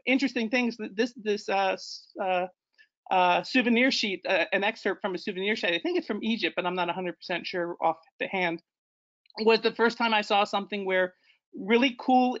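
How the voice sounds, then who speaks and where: The speaker is a guest presenter in his forties, born in Ecuador, talking through slides online from an indoor room via video call. He hesitates a lot, relying on fillers and correcting himself. His high voice has a fairly bright tone, and the highs are cut off in the recording.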